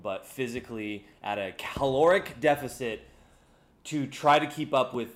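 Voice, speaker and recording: A young man with a mid-range voice co-hosts a casual podcast at a moderate pace. He jokes around and swears freely as the chat rolls on.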